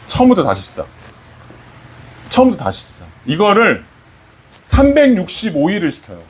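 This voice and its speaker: A man's voice: fairly high pitch, breathy edge. A man preaching a Sunday sermon as pastor, putting questions to the congregation and rising in emphasis.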